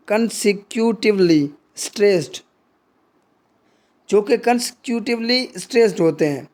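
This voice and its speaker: A man teaching a lesson on English poetry, slowly reading English definitions aloud and then explaining each one in Hindi. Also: sits high, dark tone.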